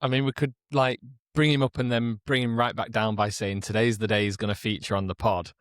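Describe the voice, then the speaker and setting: A young man co-hosting a casual sports podcast from a kitchen, relaxed and rambling with dry humour. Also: on the low side, a little fast, dry recording. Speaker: podcast co-host.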